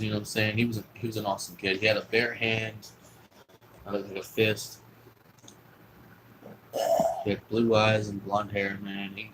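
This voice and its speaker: A man's voice: fairly low pitch, a little hiss or hum, low-quality recording. Rambling, cussing young guy. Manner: rambling, profane, full of fillers and restarts. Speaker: storyteller. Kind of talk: rambling personal story.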